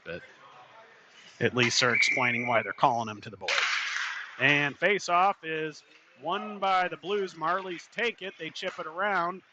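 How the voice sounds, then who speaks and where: A man doing running play-by-play commentary for a youth hockey game, steady in tone and rising sharply on shots. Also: on the high side. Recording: noisy arena ambience.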